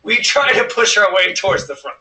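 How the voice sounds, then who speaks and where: Man player with a bright, tense tone, brash jokes, heard from across the room. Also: high voice, lively intonation, a little fast, far from the mic, poor audio. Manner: brash, joking, swears freely. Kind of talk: tabletop game play, casual banter. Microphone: one shared mic across the room. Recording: off-mic in a shared room.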